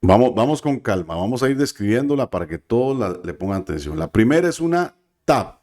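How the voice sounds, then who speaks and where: A man's voice: mid-range voice, big pitch swings, brisk, a little mellow. A man teaching a biblical Hebrew class, patient and careful, often checking in with his students. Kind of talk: classroom lesson.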